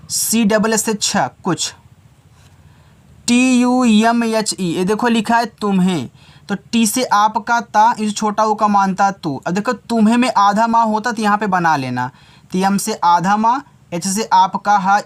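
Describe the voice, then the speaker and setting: Male teacher, patient, spells letter by letter at a slow pace for young learners. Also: sits high. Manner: spells out letters slowly, patient, talks to children. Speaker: English reading teacher. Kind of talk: spelling lesson for beginners.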